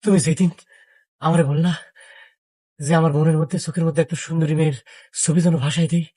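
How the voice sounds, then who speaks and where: A bashful, lovesick village suitor, played by a man, who rambles and hesitates through flowery confessions in a Bangladeshi Bengali accent. His voice sits a little high and sounds dry and close, with no room echo. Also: steady tone, a little fast, dark tone, lightly acted. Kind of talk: television drama acting.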